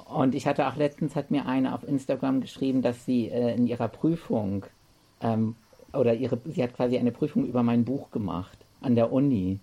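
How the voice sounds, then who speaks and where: A woman's voice: rumbling low, normal speed, mellow, breathy edge, highs cut off. Thoughtful woman guest author. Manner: thoughtful, hesitant, with many fillers. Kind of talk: casual chat.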